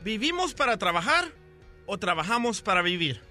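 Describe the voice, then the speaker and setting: A man's voice: high-pitched, sing-song, normal speed, bright, forceful tone, faint music behind. A man co-hosting a radio show, teasing and telling jokes with animation.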